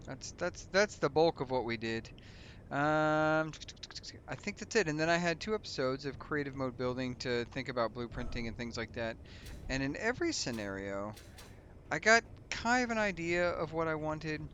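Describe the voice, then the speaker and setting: A man's voice: fairly high pitch, animated, moderate pace, fairly bright tone, a little hiss or hum. A man hosting a let's play, rambling in casual gaming commentary, full of loose asides and jokes at his own expense. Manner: rambling and chatty, loose asides and self-mockery.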